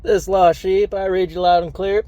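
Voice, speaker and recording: A man's voice: high voice, little pitch movement, moderate pace, dark tone, muffled recording. A man answering a radio check over a trucker CB radio, in a chatty trucker style. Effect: heard over a CB radio. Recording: distant CB radio with noise.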